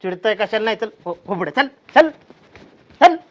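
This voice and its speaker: A man's voice: high-pitched, very animated, moderate pace, no room sound. An actor playing a bossy village husband who nags and barks repeated orders at his wife. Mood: scolding. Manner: nagging, barking orders, repeats words. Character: bossy scolding village husband, middle-aged. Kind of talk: village short-film acting.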